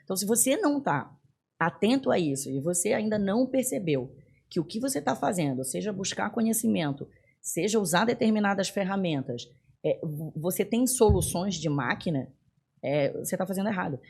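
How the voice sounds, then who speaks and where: Husky-voiced woman in her forties. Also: mid-range voice, fairly quick. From northern Brazil. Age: 40s. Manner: animated, laughs often, many fillers and restarts. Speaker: podcast guest. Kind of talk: casual interview chat.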